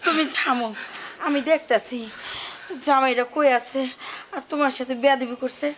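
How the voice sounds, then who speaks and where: A woman's voice: high-pitched, fairly even intonation, moderate pace, slight background noise. An actress playing a fussing village mother who scolds her daughter about a rude son-in-law. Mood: scolding. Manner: scolding, calling out loudly. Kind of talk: rural comedy drama acting.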